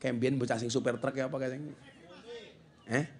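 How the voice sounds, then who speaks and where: A man delivers a joking sermon to a gathering. He sits in an ordinary middle pitch and keeps slipping into mock voices for the people in his anecdotes. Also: level tone, moderate pace, some chatter behind. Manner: joking, mixes Javanese with Indonesian, acts out the people in his stories. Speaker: Islamic preacher. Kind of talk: humorous sermon at a religious gathering.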